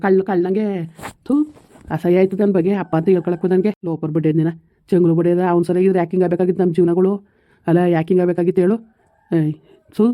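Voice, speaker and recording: A woman's voice: medium pitch, fairly even intonation, natural voice. Woman playing an indignant daughter. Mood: bitter. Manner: indignant, scolding, rapid-fire rhetorical questions. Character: fed-up grown daughter furious at her family. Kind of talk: village family comedy skit. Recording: tinny phone-like audio.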